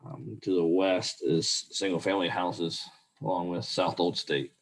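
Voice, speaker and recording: A man's voice: low-pitched, flat delivery, a little slow, low-quality recording. A man reading out a formal staff report at a public meeting in a plain, procedural way.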